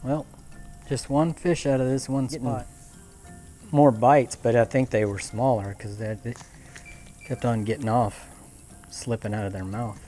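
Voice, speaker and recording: A man's voice: medium pitch, fairly even intonation, moderate pace, warm tone, soft background music. A young man giving casual commentary from a small boat outdoors, thinking aloud with many fillers. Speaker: fishing vlogger. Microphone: action camera on the boat.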